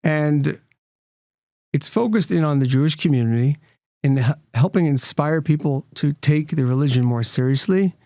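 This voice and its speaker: A man's voice: a little high, expressive, moderate pace, warm tone, dry recording, clean studio sound. A man, a rabbi and nonprofit leader, speaking as a guest, earnest and explanatory, often restarting his phrases. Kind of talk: interview conversation.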